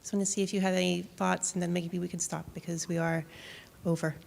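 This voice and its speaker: A woman moderating a panel, speaking briskly to wrap up. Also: lowish voice, level tone, vocal fry, a little mellow, slight background noise. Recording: reverberant hall.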